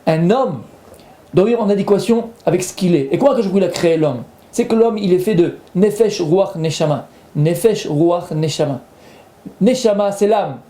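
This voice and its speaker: A male rabbi delivers a Torah lesson in a high, soft-edged voice. He explains patiently, circling back to rephrase each idea. The sound carries the echo of a reverberant room. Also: normal speed. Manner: explains patiently, repeats and rephrases points, slips in Hebrew terms.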